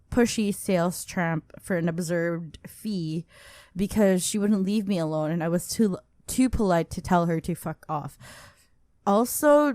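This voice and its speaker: A woman with a slightly low voice, recorded dry and close, reads a listener's story on a podcast. She is casual and giggly, laughing as she goes and tripping over a word now and then. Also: darkish tone, no echo. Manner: giggly, breaks into laughter while reading; casual, stumbles over words and asides. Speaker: podcast host. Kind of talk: reading a listener's story aloud.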